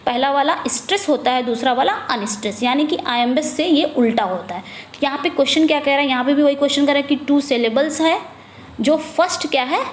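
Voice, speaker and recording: This is a high-pitched woman with an Indian accent, teaching an exam-prep lesson. She poses questions and answers them herself, and she reads each question at a slow, deliberate pace. The room sounds echoey, with faint ambience behind her. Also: animated, a little hiss or hum. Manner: reads questions slowly, drops low on answers. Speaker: English exam tutor. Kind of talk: exam-prep lesson in Hindi-English mix.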